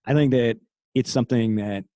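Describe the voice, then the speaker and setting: A middle-aged man, a former special forces operator, speaking as a podcast guest in casual conversation, candid and quick to laugh. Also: medium pitch, dark tone, no room sound. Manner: candid, laughs often, trails off and restarts.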